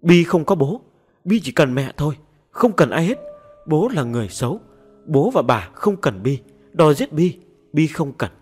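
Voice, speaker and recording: A sulky little ghost girl, as a man puts her on for an audio story, high and childish, pleading through tears. The voice is husky and swings wildly up and down. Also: animated, brisk, darkish tone, faint music behind. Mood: stubborn.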